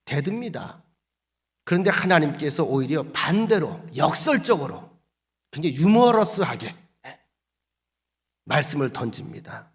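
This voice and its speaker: Animated male pastor preaching a sermon. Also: a little high, measured pace, long pauses. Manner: animated, rhetorical questions, emphatic. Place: church sanctuary.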